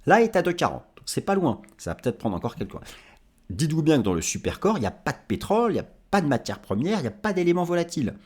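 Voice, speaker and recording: A man's voice: on the high side, sing-song, quick pace, a little mellow. A man giving market commentary as an analyst, explaining charts and speaking directly to viewers.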